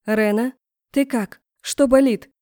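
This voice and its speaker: A woman's voice: fairly high pitch, steady tone, slow, a little mellow, no room sound, clean studio sound. A woman voicing a flustered, defensive young blonde healer in an audiobook. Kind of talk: audiobook character voice.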